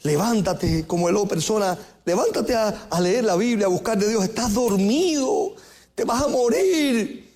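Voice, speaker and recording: Impassioned high-voiced preacher man. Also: expressive, measured pace. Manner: impassioned preaching, swings from shouting to hushed; calls listeners "hermano". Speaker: pastor. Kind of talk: sermon.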